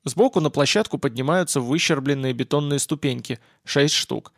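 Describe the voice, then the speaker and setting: A man's voice: mid-range voice, moderate pace, creaky, no echo. A man narrating a first-person audiobook in a wry, weary way, close to the mic. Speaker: audiobook reader.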